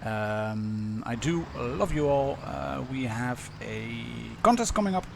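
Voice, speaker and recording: A Dutch man with a Dutch accent, casually commentating a live game stream with many pauses and restarts. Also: mid-range voice, animated, gravelly, background noise. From Netherlands.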